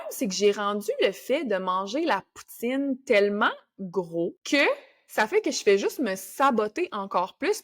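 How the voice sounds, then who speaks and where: A young Québécois woman hosts a motivational podcast in a fairly high voice. She talks to the listener in a loose, chatty coaching tone and slips English phrases into her speech. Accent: Québécois French. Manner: casual, coaching, peppered with English words. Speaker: podcast host.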